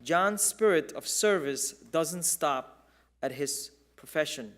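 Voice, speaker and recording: A man reading a formal, measured introduction of a keynote speaker. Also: on the high side, expressive, fairly bright tone. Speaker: event presenter. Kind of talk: scripted introduction.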